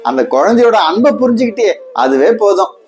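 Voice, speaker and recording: A woman's voice: medium pitch, very animated, quick pace, a little mellow, natural voice. A woman playing a patient husband and adoptive father in a comedy skit, speaking in a soothing, coaxing way.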